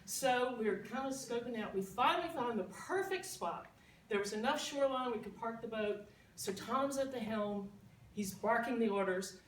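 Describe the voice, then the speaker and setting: A woman telling a lively, laughing story as a party guest giving a toast. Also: fairly high pitch, moderate pace, slight background noise. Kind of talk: storytelling speech. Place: party room. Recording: echoey room, distant mic.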